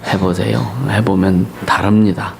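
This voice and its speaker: A male pastor preaching a Sunday sermon, often asking the congregation questions and rising to loud declamation on scripture and slogans. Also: low voice, level tone, measured pace, creaky, slight background noise, low-quality recording. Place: church sanctuary.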